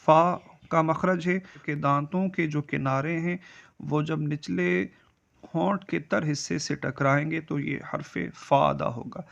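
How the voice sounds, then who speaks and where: A man teaching Quran reading, explaining where each letter is made and reciting the letters slowly and carefully. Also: a little high, steady tone, gravelly, a bit bright. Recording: dull lo-fi recording.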